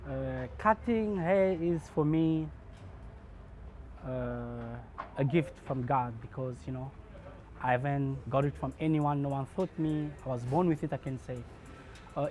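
A man in his thirties from Congo talks through how he became a barber, earnest and unhurried. His voice sits slightly on the high side for a man. Soft music plays faintly beneath him. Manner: earnest, measured, acts out remembered dialogue. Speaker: barber and shop owner. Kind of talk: documentary interview, personal story.

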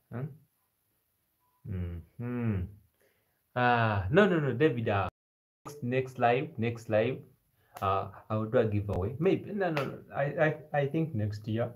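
A man in his twenties with a Kenyan-sounding East African accent, chatting casually and haltingly as a live stream host, repeating his phrases. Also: on the low side, vocal fry, a little mellow. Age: 20s. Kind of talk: casual live chat with viewers. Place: small bedroom indoors. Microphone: phone at arm's length.

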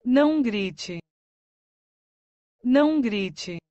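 A woman's voice: fairly high pitch, expressive, drawn-out words, warm tone, no echo, highs cut off. A woman reading short phrases for a language lesson, saying each one twice with careful pronunciation. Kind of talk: slow repeated phrase reading.

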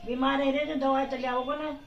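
A woman's voice: high voice, flat delivery, fairly quick. A middle-aged mother talking in a scolding way, urging her son to get medicine. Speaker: the vlogger's mother. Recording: distant, roomy, dull sound.

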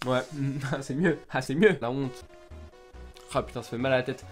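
A man's voice: medium pitch, normal speed, over music. A young man, a gaming YouTuber, casually commenting on his old videos in a jokey, self-mocking way, laughing often and swearing casually into a desktop mic. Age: young adult.

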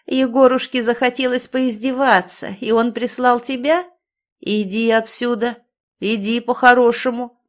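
Woman doing older woman, hoarse, stammering, rude, sarcastic, raised and sharp, storybook. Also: on the high side, steady tone, moderate pace, natural voice. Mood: sarcastic, angry. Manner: snapping and sarcastic.

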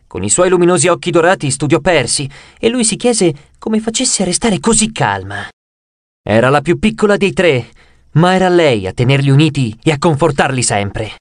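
Male narrator, audiobook reading, fairly high voice, dry close studio sound, expressive storytelling. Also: dry recording. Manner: expressive storytelling, voicing characters' dialogue. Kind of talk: scripted narration.

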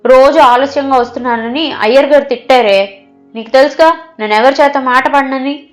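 A woman's voice: high-pitched, fairly even intonation, brisk, a bit bright, soft background music, pitched above the performer's own voice. A pampered young man in a told story, voiced by a woman, whining and wheedling. His voice rises a little above the narration. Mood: sulky. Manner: sulky, wheedling. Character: spoiled, sulky young man complaining to mother.

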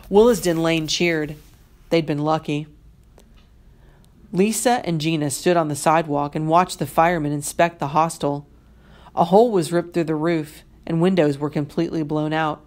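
A woman teacher reading a novel aloud to her class in a measured, expressive way. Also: low voice.

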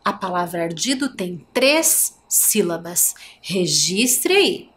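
A woman's voice: fairly low pitch, big pitch swings, takes it slowly, a bit bright, slight background noise. A woman teacher with a Brazilian Portuguese accent giving a televised primary school lesson, stretching out words syllable by syllable and asking the children questions.

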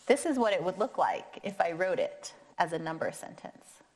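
An American woman in her thirties reading aloud to young children in a kindergarten teacher voice, counting deliberately and prompting with questions. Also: lowish voice, expressive, darkish tone, low-quality recording. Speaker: kindergarten and first grade math teacher. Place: indoor classroom or meeting room, seated at a table.

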